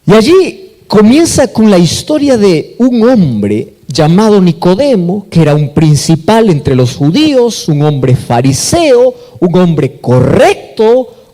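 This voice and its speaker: A man's voice: high voice, big pitch swings, slow pace, warm tone. A Peruvian man preaching a sermon with emphasis, asking the congregation questions and answering them himself. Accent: Peruvian Spanish. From Peru. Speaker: pastor. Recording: echoey hall with long reverb.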